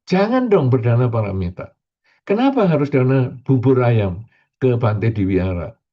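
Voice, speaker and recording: A man's voice: medium pitch, big pitch swings, normal speed. An older man, a Buddhist monk, giving a Dhamma talk as a sermon, acting out quoted complaints in a raised voice. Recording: dull lo-fi recording.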